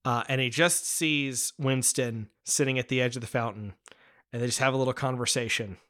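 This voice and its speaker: A man in a casual film review chat, walking through scenes with eager recaps. His voice has a bright, forward edge. He leans on fillers and often restarts a sentence partway through. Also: medium pitch, fairly even intonation, a little fast. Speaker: podcast co-host discussing a film.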